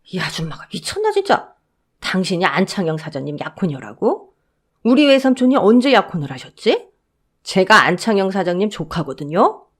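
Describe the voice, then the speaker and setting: A woman's voice: mid-range voice, big pitch swings, normal speed, husky. A woman voicing a blunt male security guard who mocks and drawls. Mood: mocking.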